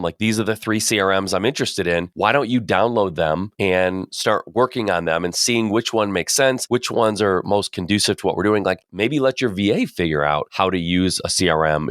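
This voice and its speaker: Feeling under the weather, a podcast host sounds deeper than usual as he runs a casual live Q&A. He's energetic and chatty, repeating phrases. The sound is clean studio audio with no room sound.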